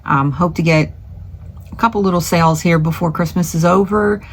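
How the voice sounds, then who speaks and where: A woman's voice: on the low side, moderate pace, slightly rough. A middle-aged woman running a small craft business, chatting casually in a vlog from her home studio, rambling with lots of fillers and restarts.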